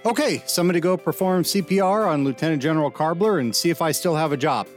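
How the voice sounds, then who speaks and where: A man's voice: on the high side, fast, soft background music. A man hosting a podcast in a casual, chatty style. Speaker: podcast host.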